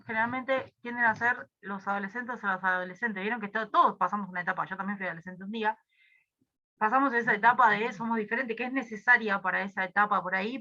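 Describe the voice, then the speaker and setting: A woman's voice: medium pitch, sharp tone, highs cut off. A young woman with a Rioplatense Spanish accent, tutoring a review class casually with many fillers and asides.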